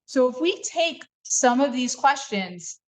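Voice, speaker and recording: Woman podcast host, fairly high voice, calm and coaching, conversational delivery. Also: slow pace. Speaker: podcast host, wellness doctor. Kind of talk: casual podcast chat.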